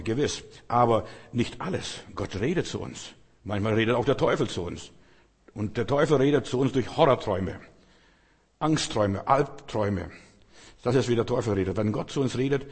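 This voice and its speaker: Male preacher, husky voice, long hall reverb, acts out Bible voices. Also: medium pitch. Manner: retells Bible scenes with acted voices, calling out loudly. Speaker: pastor. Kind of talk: sermon.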